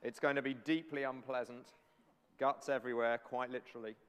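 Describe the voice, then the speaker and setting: A man's voice: medium pitch, fairly even intonation, fairly quick, fairly bright tone, clear, resonant tone. A man preaching a sermon, telling a story and speaking directly to his listeners. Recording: long church hall reverb.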